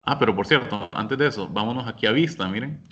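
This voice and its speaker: A man teaching a software class, explaining each step patiently and speaking directly to his students. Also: on the low side, fast, highs cut off. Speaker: instructor. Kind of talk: screen-share software lesson.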